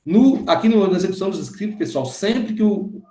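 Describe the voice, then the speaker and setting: In a roomy-sounding screen recording, a male coding teacher in his thirties explains the lesson stepwise and keeps checking in with learners. He speaks at a moderate pace in a high, animated voice with a dark tone.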